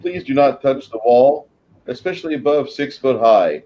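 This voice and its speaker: A man's voice: medium pitch, expressive, moderate pace, lo-fi sound, voice pushed up, lightly acted. A man voicing a pompous magical mouth that guards a wizard's gate with formal announcements in a tabletop game. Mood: formal warning.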